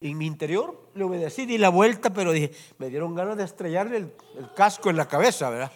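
A man preaching a sermon in church with a high voice that swoops and climbs all over. He keeps turning to the congregation for agreement, animated and conversational. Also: a little fast. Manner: animated preaching, constantly asks the congregation "¿verdad?". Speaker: pastor. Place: church service before a congregation.

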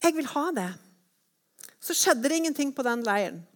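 A high-voiced woman tells her personal testimony in a lively way, acting out her own thoughts as quotes.

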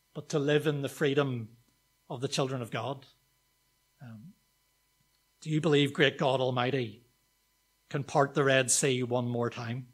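A male pastor preaching a morning sermon with a slightly high-pitched voice. He tells the story earnestly and speaks straight to his listeners. He slows down when he wants a word to land. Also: fairly bright tone. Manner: earnest, addresses the congregation directly.

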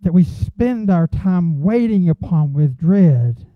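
Man preaching a sermon, high voice, earnest, sounds like a tinny phone line. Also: expressive, takes it slowly, no echo. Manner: earnest, prayerful, rising to emphatic peaks.

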